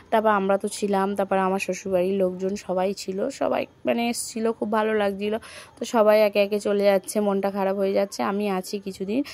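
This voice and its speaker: A woman's voice: mid-range voice, a little mellow. A young woman, narrating her family's day in a homely, chatty vlog and talking straight to her viewers. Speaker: family vlogger.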